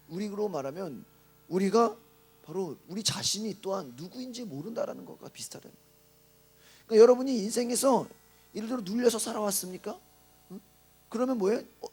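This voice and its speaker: Male pastor, high and husky, early-morning sermon, keeps prompting listeners with rhetorical questions. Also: a little mellow. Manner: asks the congregation rhetorical questions.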